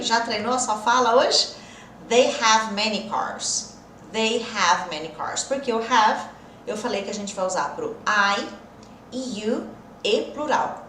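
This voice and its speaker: A Brazilian woman teaching an online English lesson, speaking in a lively, encouraging way and slowing down to stretch out her English example sentences. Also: on the high side, echoey room, a little hiss or hum. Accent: Brazilian Portuguese.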